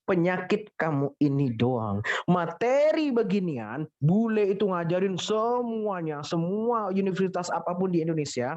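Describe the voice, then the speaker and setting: A man's voice: high voice, very animated, a little slow, hardly any pauses, darkish tone, muffled recording. A man teaching English pronunciation in a playful, teasing way, drilling students and exclaiming at their mistakes in an online class. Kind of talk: teasing casual class instruction.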